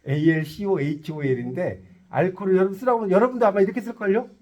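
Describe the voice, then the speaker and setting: A man's voice: high-pitched, racing, highs cut off. A man teaching a tarot lecture to a class, quizzing his students and cracking jokes as he explains. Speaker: tarot instructor.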